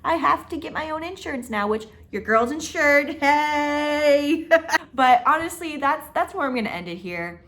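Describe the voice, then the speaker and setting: A woman's voice: high-pitched, animated, normal speed, a bit bright. A woman in her twenties chatting casually to camera in her apartment, talking emphatically and laughing often. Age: 20s. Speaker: vlogger. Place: her own apartment, indoors.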